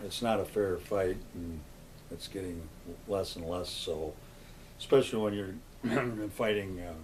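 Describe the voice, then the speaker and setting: A man's voice: sits low, unhurried, darkish tone, slight background noise, rough recording. An older man, speaking in a plain-spoken, conversational way as the interviewee in an oral history interview. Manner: plain-spoken, conversational, poses and answers own questions. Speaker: interviewee, longtime local resident.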